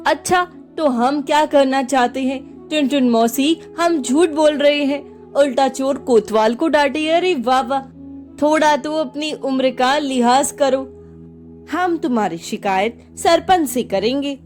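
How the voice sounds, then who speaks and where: A woman's voice: high voice, measured pace, darkish tone, soft background music. A woman voicing angry villagers who scold and accuse.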